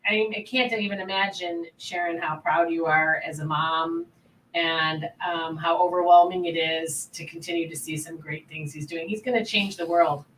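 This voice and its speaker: A woman's voice: lowish voice, steady tone, moderate pace, fairly bright tone, low-quality recording. A woman in her fifties co-hosting a casual chat show, effusive and enthusiastic. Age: 50s. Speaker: co-host.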